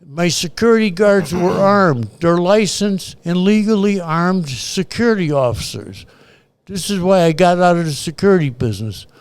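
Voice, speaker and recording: An older Chicago man, a storytelling guest in a casual chat, recounts a blunt, profane tale from his past. His voice is high-pitched and animated, at normal speed with a clean tone, and he acts out the voices he quotes.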